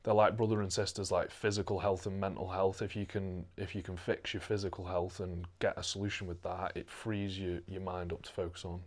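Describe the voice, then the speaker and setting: A man's voice: deep voice, little pitch movement, brisk, hardly any pauses. A man with a Stoke accent, hosting a fitness podcast in casual, chatty talk that swears and restarts phrases. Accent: Stoke-on-Trent. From England. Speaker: podcast host, fitness coach. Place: podcast studio.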